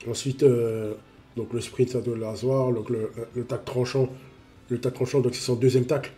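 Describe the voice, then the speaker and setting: A man's voice: mid-range voice, little pitch movement, moderate pace, warm tone, soft background music. A man with a cold, sniffling as he reviews a mobile game card in a casual, repetitive way, full of fillers. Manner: repeats himself, full of fillers.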